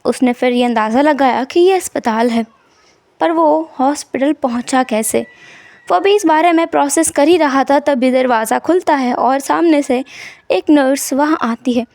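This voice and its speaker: High-voiced woman retelling a story. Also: moderate pace, vocal fry, a little mellow, dry recording. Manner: casual, conversational retelling. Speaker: story narrator.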